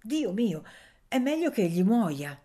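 A woman's voice: medium pitch, big pitch swings, measured pace, warm tone, pitched above the performer's own voice. A woman voicing a plump little girl with a commanding, imperious tone. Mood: bossy.

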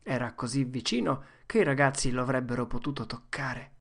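Gravelly, husky audiobook narrator. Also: mid-range voice. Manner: steady, measured reading.

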